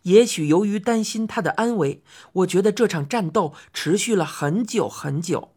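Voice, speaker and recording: Lively woman narrating a kids' fantasy story. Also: medium pitch, normal speed, husky. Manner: expressive, rising to cries in excited passages. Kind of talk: dramatic audiobook narration of a children's fantasy story.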